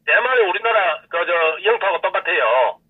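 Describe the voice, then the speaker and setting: A man's voice: sits high, big pitch swings, moderate pace, husky. A male caller with a Gyeongsang dialect, ranting heatedly and repeating himself on a call-in show. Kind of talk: call-in rant. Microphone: telephone. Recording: tinny phone line, distant.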